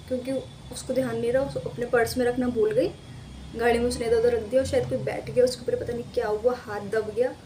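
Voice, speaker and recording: A woman's voice: a little high, warm tone, slight background noise. A woman chatting casually to her viewers in an unboxing vlog, rambling and speaking to them directly from a room at home. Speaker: vlogger.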